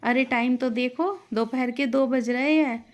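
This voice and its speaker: A woman's voice: high voice, a little slow. A woman doing an impatient, scornful sister-in-law.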